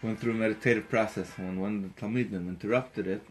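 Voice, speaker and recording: A man teaching a Torah lesson through an animated story and acting out its characters. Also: lowish voice, quick pace, faint music behind. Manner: animated, acts out the characters, rises to emphatic peaks.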